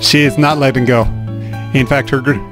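A man's medium-pitched voice, fairly even in intonation and at a normal speed, carries this let's play. He translates the game and comments casually, with a wry, dry humor, while game music plays.

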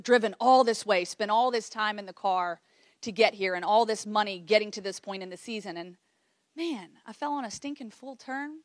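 A woman gives a motivational keynote, telling a story in an energetic, conversational way and speaking straight to the audience. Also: medium pitch, dry recording. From Virginia, United States.

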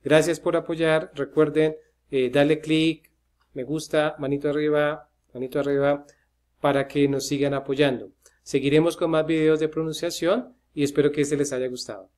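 A man's voice: on the high side, flat delivery, normal speed, a little mellow. A man giving a casual screen-share pronunciation lesson, chatty, with many "eh" fillers as he talks to his viewers. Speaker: English pronunciation teacher.

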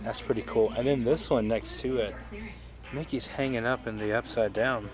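A man's voice: medium pitch, steady tone, moderate pace, over music. A man talking casually while filming a walk through a gift shop, pointing things out as he goes. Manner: chatty, points things out as he films. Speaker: vlogger.

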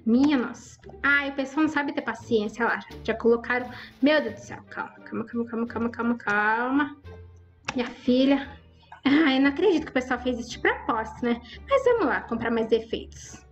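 A woman's voice: fairly high pitch, expressive, brisk, dull audio, faint music behind. A woman giving chatty, exclaiming commentary over her Roblox gameplay and talking straight to her viewers. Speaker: gaming YouTuber.

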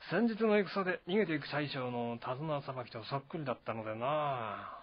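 A man voicing a boisterous, blunt male warrior general, talking loud and gruff. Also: mid-range voice, animated, fairly quick, dull audio, lightly acted.

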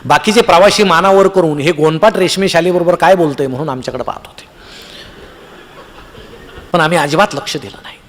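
Man, Marathi accent, comic stage storyteller, slightly high voice, acts out characters, long hall echo. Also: a little fast, long pauses, a little hiss or hum. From Maharashtra, India. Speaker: humorous storyteller.

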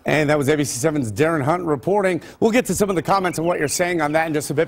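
A male news anchor reads local stories, slipping loose, conversational ad-libs in between the scripted items. His voice sits a little high, and there's slight background noise.

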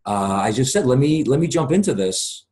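A man's voice: medium pitch, big pitch swings, fairly quick, a little mellow. A man in his forties on a video call from home, talking earnestly and at length as a guest in a casual chat. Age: 40s. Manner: earnest, talkative storyteller. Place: home room. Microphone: video call webcam.

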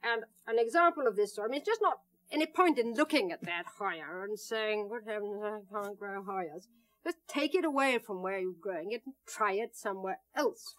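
An older woman hosting a television gardening demonstration, talking in a brisk, wry, emphatic way, recorded on an indoor studio set from an old 1960s television tape. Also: medium pitch, a bit bright. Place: indoor studio set among potted plants.

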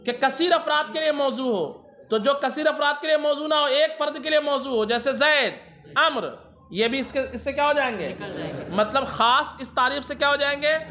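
Male religious teacher, lecturing, high bright voice, keeps asking and answering his own questions. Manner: asks the class a question, then answers it himself; reads Arabic text slowly, then explains it. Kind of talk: classroom lecture.

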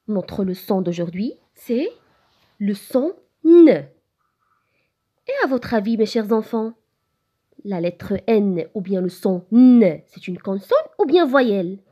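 A woman teacher with a Moroccan French accent speaks to small children in a high voice. Her pitch swoops up and down as she spells letters one by one, very slowly. The recording sounds dull and lo-fi. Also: warm tone. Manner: slow, sing-song, spelling letters one by one. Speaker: preschool teacher. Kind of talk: recorded lesson for young children.

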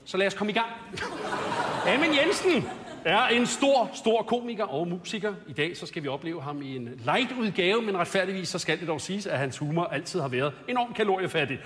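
A man's voice: sits high, lively intonation, hardly any pauses, a little hiss or hum. A man hosting a comedy roast on stage, firing off mocking jokes and introducing speakers. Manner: mocking, punchline delivery. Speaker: roast host. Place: TV studio stage with audience. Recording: long hall reverb, loud audience.

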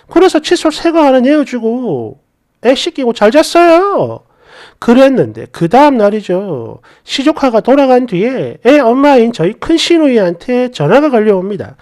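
A woman narrating reader stories with sarcastic, expressive commentary. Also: a little high, moderate pace. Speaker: story narrator. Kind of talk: dramatic storytelling of reader stories.

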